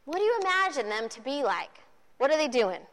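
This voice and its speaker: Lady youth preacher, high bright voice, casual and joking. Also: fairly quick. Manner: animated, playful retelling with audience questions. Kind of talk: lively sermon to a group. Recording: reverberant hall.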